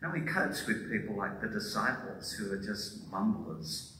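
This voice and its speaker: A man preaching a conversational sermon in a church, now and then acting out confused disciples with sudden high exclamations. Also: animated, measured pace, sharp tone, slight background noise. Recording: roomy echo, distant from mic, faint ambience.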